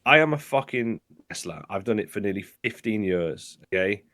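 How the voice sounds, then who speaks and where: A man, a wrestler co-hosting a podcast, ranting in a heated, sweary, animated way in casual chat. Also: fairly low pitch.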